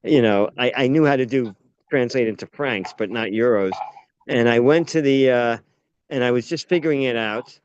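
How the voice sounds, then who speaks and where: A man's voice: medium pitch, normal speed, smooth, lo-fi sound. An American actor and playwright chatting casually, telling rambling stories and often restarting his sentences. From United States. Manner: rambling, self-interrupting storyteller. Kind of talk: casual conversation.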